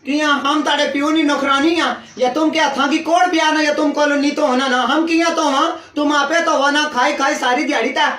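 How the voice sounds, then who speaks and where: A man voicing a loud, quarrelsome sister-in-law, ranting and shouting in a comic sketch. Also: very high voice, fairly even intonation, brisk, hardly any pauses. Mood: aggrieved ranting. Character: loud, quarrelsome village woman, a sister-in-law tired of housework. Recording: roomy and distant.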